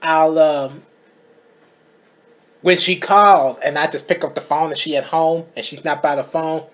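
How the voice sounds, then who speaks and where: A man co-hosting a casual chat, telling family stories with emphatic, animated delivery. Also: on the high side, measured pace. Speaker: co-host. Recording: dull lo-fi recording.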